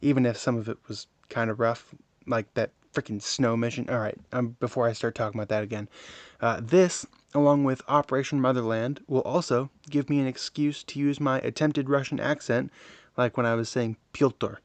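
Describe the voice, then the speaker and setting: A man's voice: mid-range voice, steady tone, normal speed, dry recording. A man hosting a gaming channel and giving casual gameplay commentary in a wry, offhand way.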